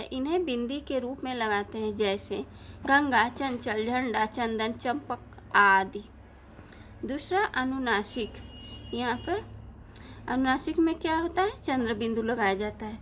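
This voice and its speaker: A woman teaching a lesson, asking questions and answering them herself in a slow, deliberate way. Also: high-pitched, fairly bright tone, slight background noise. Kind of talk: Hindi grammar lesson.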